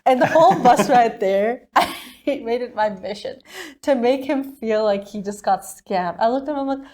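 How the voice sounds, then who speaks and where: A woman's voice: on the high side, moderate pace. A young woman co-hosting a podcast, telling a family travel story in casual chat and acting out the voices of the people in it. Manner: animated, acts out family members' voices in quotes. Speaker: podcast co-host.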